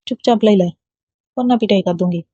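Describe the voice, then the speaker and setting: A woman's voice: mid-range voice, brisk, mellow, slightly rough, no echo, lightly acted. A woman reading a storybook voicing a firm, caring old grandmother who scolds lovingly. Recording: dull lo-fi dry recording.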